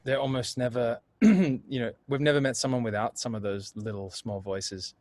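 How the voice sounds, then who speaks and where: Man, mid-pitch voice, animated storyteller, interview guest. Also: moderate pace, no room sound, clean studio sound. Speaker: singer and voice coach, guest. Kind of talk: casual conversational interview.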